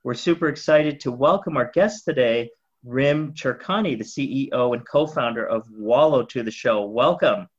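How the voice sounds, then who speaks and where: A man's voice: medium pitch, moderate pace, slightly rough, muffled recording. A man hosting an interview podcast, talking casually with restarts and repeated words. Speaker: podcast host.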